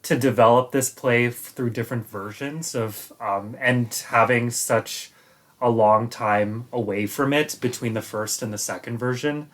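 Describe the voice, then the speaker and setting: A man's voice: medium pitch, measured pace. A man, a stage actor, talking casually in an interview, hesitantly searching for his words.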